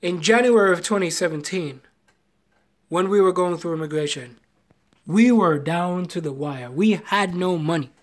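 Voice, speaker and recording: A man's voice: high-pitched, moderate pace. Young Jamaican man, casual live vlogger, rambling storyteller. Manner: rambling, animated storyteller who retells conversations.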